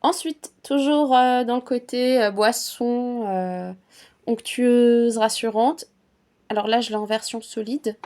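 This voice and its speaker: A woman's voice: a little high, slow pace, warm tone. A woman vlogging about perfumes in a casual, chatty way, with many fillers and restarts. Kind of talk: casual chat.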